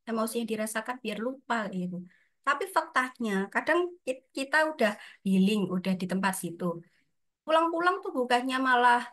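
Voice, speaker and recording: A woman's voice: a little high, a bit bright. A woman leading an online training session in a chatty way, often addressing her audience and acting out inner voices.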